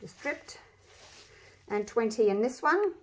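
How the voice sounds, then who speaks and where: A slightly high-pitched woman with lively intonation speaks slowly while running a casual craft demonstration. She's an Australian tutorial host at an indoor craft table, chatty and thinking out loud, with a mask over her mouth muffling her a little.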